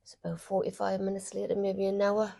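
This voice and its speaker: A woman's voice: medium pitch, monotone, fairly quick, creaky, warm tone. A woman casually telling her partner an anecdote about their night, sometimes acting out what was said.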